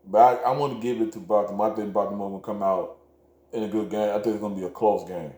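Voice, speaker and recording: A man's voice: on the low side, fairly even intonation, fast, dark tone. A man co-hosting a casual sports chat, easygoing and often laughing at his own picks. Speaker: co-host making game picks. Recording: echoey room.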